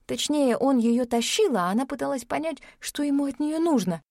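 A woman narrating an audiobook in a steady, expressive reading. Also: high-pitched, moderate pace, no room sound, clean studio sound. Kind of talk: scripted narration of a crime novel.

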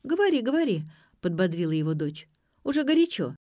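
A brash, bossy young woman, acted by a woman reader, high and loud with blunt slangy retorts. Her audiobook lines land dry and close, with no room around them. She pushes and prods in every line. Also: very animated, normal speed, no room sound. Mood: prodding. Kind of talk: audiobook character voice.

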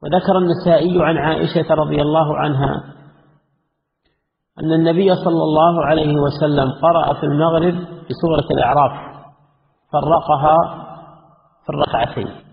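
A man delivers a religious lesson, reading from a classical text in a measured manner and adding his own comments. His slightly high voice carries a gravelly edge. The audio is tinny and phone-like, with a long echo from the hall. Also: fairly even intonation. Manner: measured, reads quoted passages then comments. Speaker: Islamic scholar teaching a text.

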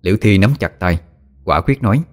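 A man telling a ghost story in measured, even scripted narration. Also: sits low, soft background music.

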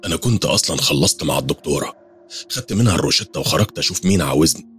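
A man's voice: a bass voice, expressive, rapid-fire, fairly bright tone, faint music behind. A man with an Egyptian accent narrating a first-person horror story in a tense, confiding way.

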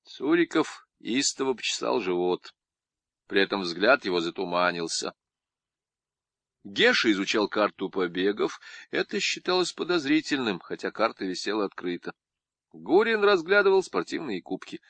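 Man reading a novel aloud, lively. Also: on the low side, normal speed, vocal fry, no room sound. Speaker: narrator. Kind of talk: audiobook reading.

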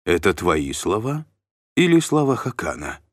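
A man's voice: deep voice, big pitch swings, measured pace, dry recording, heavily acted. A man voicing a fearless male warrior who speaks curtly and coldly with dry mockery, in an audiobook reading. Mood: cold, mocking. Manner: cool, curt, dryly mocking.

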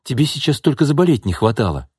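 A man reading an audiobook, voicing a young woman who gives brisk, caring orders. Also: medium pitch, big pitch swings, a little mellow, slightly rough, dry recording, clean studio sound, voice pushed up. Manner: brisk, commanding.

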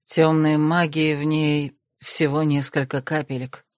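A woman doing a stern, deep-voiced male necromancer. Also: little pitch movement, a little slow, darkish tone, dry recording, clean studio sound. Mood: restrained. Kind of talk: audiobook character voicing.

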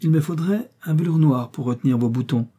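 A man voicing an effusive, flattering young woman who pleads and coaxes. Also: a little high, fairly quick, slightly rough, pitched above the performer's own voice. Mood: gushing.

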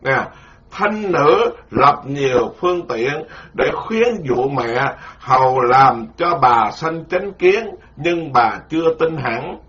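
A man's voice: mid-range voice, slow. A man giving an informal Buddhist dharma talk, rambling and self-mocking. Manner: self-mocking, rambling, lively storytelling with quoted voices. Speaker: Buddhist monk lecturer. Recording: dull lo-fi recording.

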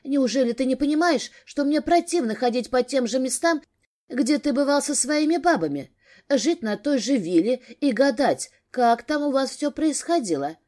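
A woman's voice: high-pitched, animated, moderate pace, a little mellow, voice pushed up. A woman reading a story aloud, voicing a jealous young wife near tears who reproaches and pleads with her husband. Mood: hurt, pleading.

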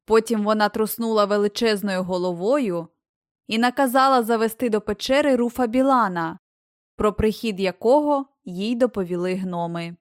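A woman narrating a fairy-tale audiobook in an even, expressive reading. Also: a little high, no echo, studio quality. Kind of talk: scripted storybook narration.

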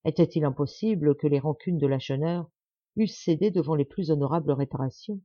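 A woman reading a novel aloud in an expressive, dramatic narration. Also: sits low, brisk, dry recording, muffled recording. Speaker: audiobook reader. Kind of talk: scripted narration.

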